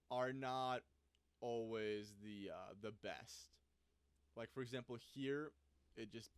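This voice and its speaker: A man talks through a software walkthrough in a loose, conversational way, pausing to think aloud as he goes. His voice is smooth and resonant, recorded close and dry with no room sound. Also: medium pitch, no echo. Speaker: software reviewer. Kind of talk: casual screen-recorded tutorial.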